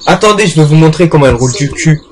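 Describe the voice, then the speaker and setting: A man's voice: on the high side, animated, racing, heavy background noise. A man giving casual, joking commentary while playing a game, talking back to in-game characters and swearing often. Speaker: gaming channel host.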